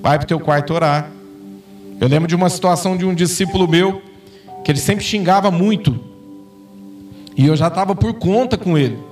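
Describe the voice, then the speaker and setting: A man's voice: sits high, normal speed, pauses often, darkish tone, recorded from a distance, soft background music. A man with a Brazilian Portuguese accent preaching a sermon in church, telling personal stories and acting out the quoted dialogue. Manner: storytelling, acts out quoted dialogue with rising intensity. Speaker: pastor. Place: church sanctuary.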